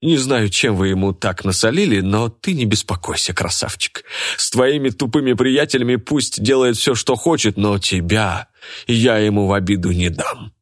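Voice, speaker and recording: A man's voice: on the low side, normal speed, no echo, studio quality, natural voice. A man voicing a jealous, burly young woman who bellows and bosses everyone around. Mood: boastful. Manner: bellowing and bossy.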